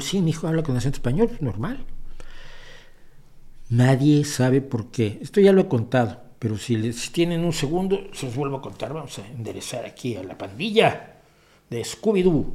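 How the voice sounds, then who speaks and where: Middle-aged Mexican male host, mellow voice, lively anecdotal delivery with frequent restarts. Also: medium pitch, normal speed. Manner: animated, storytelling, piles up emphatic superlatives and restarts. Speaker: podcast host answering listener questions. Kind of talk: live chatty Q&A monologue.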